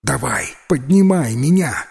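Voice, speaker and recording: A man's voice: medium pitch, lively intonation, measured pace, gravelly, darkish tone, voice pushed up. A man voicing an eager ten-year-old boy who talks in a pleading, insistent way.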